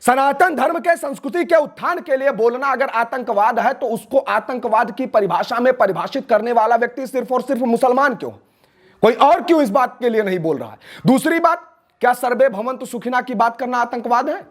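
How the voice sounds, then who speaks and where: A man's voice: extremely high pitch, brisk. A man with an Awadhi Hindi accent, a nationalist speaker answering interview questions in a fiery, declamatory way full of rhetorical questions.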